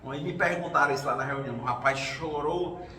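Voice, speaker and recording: Man, high voice, bright tone, conversational storyteller, distant mic, echoey room. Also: fairly quick. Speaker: speaker at a spiritual gathering. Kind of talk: informal talk sharing personal experience. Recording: roomy hall, distant mic, faint noise.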